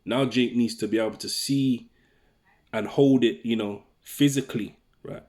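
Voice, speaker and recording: A man's voice: medium pitch, fairly even intonation, moderate pace, darkish tone. A man preaching informally, reading scripture and tagging his lines with "man" and "right?". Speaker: religious teacher.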